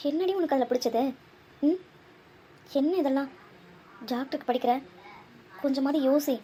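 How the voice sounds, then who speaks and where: A woman's voice: sits high, normal speed, mellow, slight background noise, lightly acted. A woman voicing a middle-aged mother who firmly questions and scolds her daughter. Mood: scolding. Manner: probing, scolding, firm. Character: probing middle-aged mother, stern and watchful. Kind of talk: cartoon voice acting.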